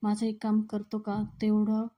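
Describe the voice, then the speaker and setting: Fretting, scolding mother, read flatly by a woman recapping a serial; low-key and dark-toned. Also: moderate pace, natural voice. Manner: pleading, scolding in plain read-aloud tone. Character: worried middle-aged mother scolding her son.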